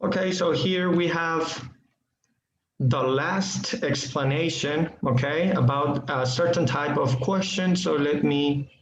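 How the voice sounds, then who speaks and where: Slow, hesitant male teacher in an echoey room. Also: on the high side. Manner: slow, hesitant, many fillers and okays. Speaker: English teacher. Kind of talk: online class explanation. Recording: muffled echoey room, faint noise.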